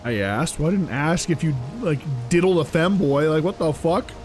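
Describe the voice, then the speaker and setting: A young male streamer talks to his chat while he plays, his voice set high and swinging widely as he rambles in exasperation, padding his talk with fillers. Soft game music plays underneath him. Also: expressive, moderate pace, poor audio. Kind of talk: casual live-stream chat while playing.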